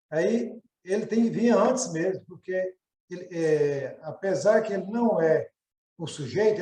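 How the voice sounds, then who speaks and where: A man's voice: sits high, mellow, echoey room, low-quality recording. A man from Brazil helping teach a class, explaining grammar with a hesitant, searching delivery.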